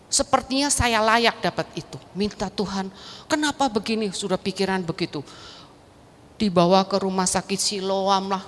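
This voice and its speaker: A middle-aged woman sharing an earnest, emotional faith testimony at a church prayer meeting, chatty and prone to restarts. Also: medium pitch. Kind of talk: personal faith testimony talk. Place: large church hall. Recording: long hall reverb.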